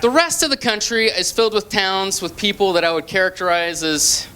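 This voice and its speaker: A middle-aged man from Portland, Oregon, telling a stand-up comedy story on stage with punchy, deadpan asides. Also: high-pitched, brisk, smooth. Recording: noisy live club recording. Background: audience laughter.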